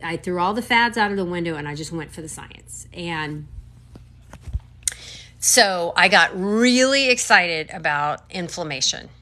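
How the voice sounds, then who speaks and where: A woman in her fifties, a doctor, talking casually to camera in an animated, emphatic way with quick asides. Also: on the low side. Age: 50s.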